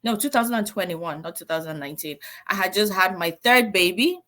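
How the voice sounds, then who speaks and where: A woman from Cameroon in her thirties, a nurse and coach, chatting in a lively, animated way and laughing often. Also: medium pitch, brisk. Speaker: guest, nurse and business coach. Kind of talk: casual podcast chat.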